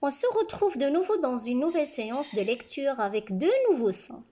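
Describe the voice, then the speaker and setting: A woman teacher giving a reading lesson to young pupils, saying words slowly and clearly, syllable by syllable, asking the class questions and praising their answers. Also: high voice, expressive, warm tone. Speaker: primary school teacher.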